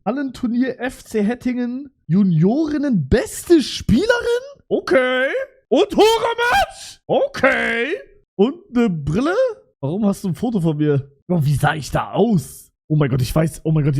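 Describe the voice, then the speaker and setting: Excitable young male streamer, high voice. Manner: loud, excitable slang-heavy chatter to chat. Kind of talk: casual livestream reaction.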